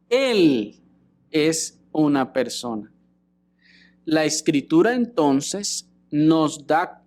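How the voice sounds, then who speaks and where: A man's voice: on the high side, a little mellow. A man preaching a sermon, teaching and putting rhetorical questions to the congregation. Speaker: pastor.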